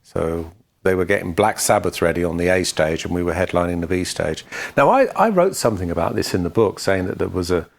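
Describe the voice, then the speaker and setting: A man's voice: low voice, animated, brisk, gravelly, hardly any pauses. A man co-hosting a podcast, telling band anecdotes in a dry, matter-of-fact way. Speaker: podcast co-host and musician. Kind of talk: casual storytelling chat.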